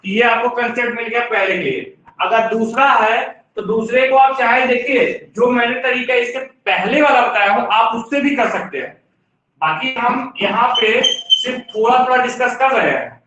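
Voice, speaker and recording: Male math teacher, high bright voice, step-by-step explainer, heard from a distance with a dull tone. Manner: explains step by step with rhetorical questions. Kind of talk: classroom lecture. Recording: distant, echoey room, dull sound.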